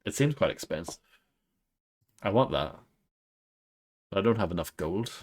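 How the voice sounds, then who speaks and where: A man's voice: deep voice, animated, normal speed, a little mellow. A man giving casual gameplay commentary as he plays. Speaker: game streamer. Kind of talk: casual gameplay commentary, reading game text aloud.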